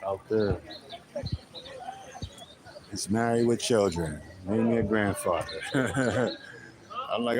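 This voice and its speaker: A man's voice: fairly low pitch, noisy background. A middle-aged man with a New York accent, chatting loosely in a live street vlog on his phone. He is outdoors on a hot city street and reads viewer comments aloud. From the Bronx, New York. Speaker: livestreamer. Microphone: phone camera.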